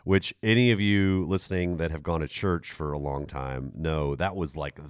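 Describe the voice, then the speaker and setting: Male podcast co-host, extremely deep voice, dry close sound, wry teasing chat. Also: moderate pace, clean tone, dry recording.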